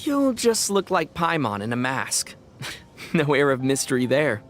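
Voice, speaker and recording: A woman voicing a calm young woman traveler with a dry, gently teasing manner, in video game dialogue. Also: a bass voice, a little slow, full character voice. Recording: game audio with faint music.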